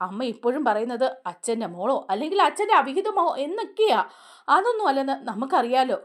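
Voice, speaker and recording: Woman voicing a young daughter, reproachful, pointed, fast, high voice. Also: very animated, a bit bright. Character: young daughter, sharp and loyal.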